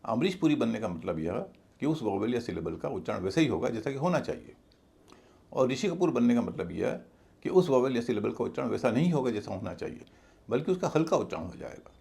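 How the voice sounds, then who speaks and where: A man's voice: medium pitch, big pitch swings, fairly quick, vocal fry, darkish tone. A man teaching an English pronunciation lesson, patiently spelling words out letter by letter. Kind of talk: spoken lesson explaining pronunciation.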